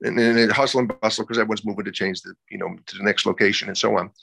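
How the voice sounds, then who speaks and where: Gravelly man telling stories. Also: on the low side, fairly even intonation, racing, a bit bright. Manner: chatty, repeats words while searching. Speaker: actor guest. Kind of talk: casual storytelling chat.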